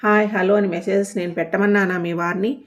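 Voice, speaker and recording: A woman voicing a poised young married woman who answers calmly, politely and with teasing wit. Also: medium pitch, quick pace, close to an everyday voice. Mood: calm, sarcastic.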